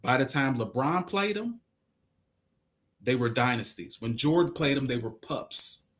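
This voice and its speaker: A man's voice: mid-range voice, animated, unhurried, fairly bright tone. A man in his forties hosting a casual livestream podcast, reading comments aloud and arguing his point with emphasis and rhetorical questions. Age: 40s. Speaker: podcast host.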